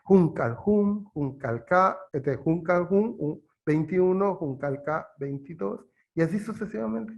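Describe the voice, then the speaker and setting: Slow, halting man teaching. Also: high-pitched, lively intonation, vocal fry, lo-fi sound. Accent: Yucatán Spanish. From Yucatán, Mexico. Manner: slow, halting, with many fillers. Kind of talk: explaining in an interview.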